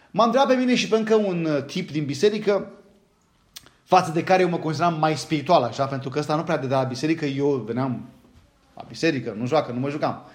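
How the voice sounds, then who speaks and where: A middle-aged man with a Romanian accent preaching a sermon in a lively way, often asking his listeners questions. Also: medium pitch. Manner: lively, asks the congregation questions, frequent "da?". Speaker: pastor.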